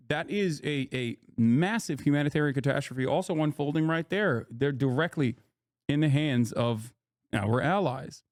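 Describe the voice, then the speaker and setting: A man's voice: medium pitch, a little mellow, no echo, clean studio sound. A man hosting a live stream, ranting to his chat in a profane, emphatic way. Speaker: streamer host reacting to news. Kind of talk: casual live-stream commentary.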